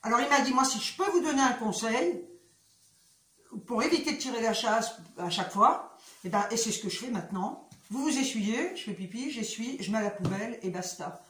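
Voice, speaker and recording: A woman's voice: fairly high pitch, animated, fairly quick, fairly bright tone, reverberant. A woman vlogger chatting casually to her viewers, retelling conversations and swearing freely.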